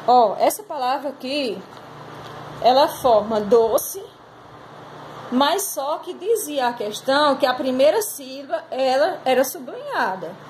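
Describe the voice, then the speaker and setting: High-pitched lady teacher going thru exercises slowly, patient, bit of noise behind. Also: expressive, darkish tone, low-quality recording. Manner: patient, explaining step by step, drawn-out words. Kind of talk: recorded class lesson correcting exercises.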